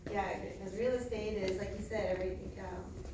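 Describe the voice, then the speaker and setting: A woman's voice: medium pitch, fairly even intonation, quick pace. A middle-aged woman hosting an event, chatty and upbeat. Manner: chatty, upbeat, laughing easily. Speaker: event moderator. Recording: echoey room from a distance with noise.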